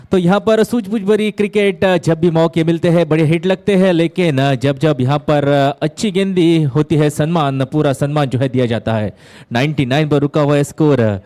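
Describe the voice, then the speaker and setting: A man giving live ball-by-ball cricket commentary, phrasing things in measured bits with pauses and lifting at key moments. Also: on the high side, a little mellow.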